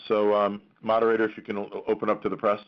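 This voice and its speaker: A man hosting a press conference call, introducing speakers in a halting, measured way over a conference phone line. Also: on the low side, monotone. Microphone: telephone conference call.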